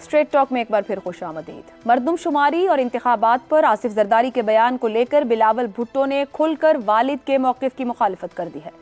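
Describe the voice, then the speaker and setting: A woman anchoring a television talk show, measured and formal as she moderates guests and reads news items. Her voice sits high for a woman. Faint music plays underneath. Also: expressive, a little mellow. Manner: measured, formal, agreeing interjections. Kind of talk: news talk show hosting and read bulletin.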